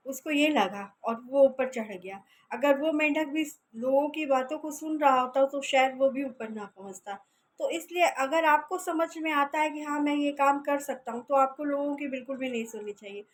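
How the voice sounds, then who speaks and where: High-voiced woman giving earnest business advice. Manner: earnest, persuasive, tells a fable. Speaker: network marketing motivational speaker. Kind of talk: casual motivational talk.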